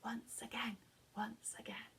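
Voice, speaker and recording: A woman in a whispered role-play, putting on a breathy, nervous voice. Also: a little high, flat delivery, unhurried, fairly bright tone, a little hiss or hum. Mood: jittery. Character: breathy, nervous, timid adult.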